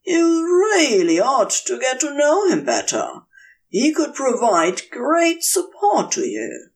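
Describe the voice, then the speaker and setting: A woman puts on a man's pushy, overbearing brother, with a high, bouncy voice that swoops all over. He talks slowly and insistently, teasing with forced cheer. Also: huge pitch swings, full character voice. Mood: pushy cheerful. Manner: bright, insistent, mockingly cheerful.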